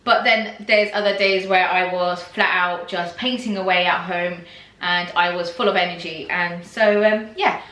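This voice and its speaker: A young woman talks casually to her viewers in a pregnancy vlog, rambling along with fillers and little laughs. Her voice is bright and clear. The room around her sounds echoey and bare. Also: medium pitch. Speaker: pregnancy vlogger. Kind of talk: casual vlog chat to camera.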